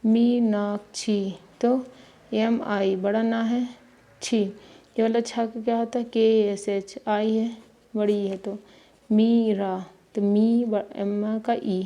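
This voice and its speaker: A woman teacher giving a spelling lesson, slowly spelling names out letter by letter. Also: fairly high pitch, little pitch movement, warm tone.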